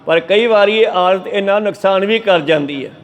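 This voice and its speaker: A Punjabi-accented preacher with a fairly high voice tells homely folk tales to his congregation. He slips into quick voices for the animals in his stories, keeping a chatty, down-to-earth sermon tone. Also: highs cut off. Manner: folksy storytelling, acts out quoted animals in shifting voices. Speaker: Sikh preacher giving katha. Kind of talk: storytelling sermon exposition.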